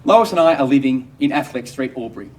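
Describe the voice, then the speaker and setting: A man's voice: medium pitch, animated, quick pace, recorded from a distance. Wry Australian man telling his story. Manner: wry, dry humour. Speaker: obstetrician. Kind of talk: first-person storytelling monologue.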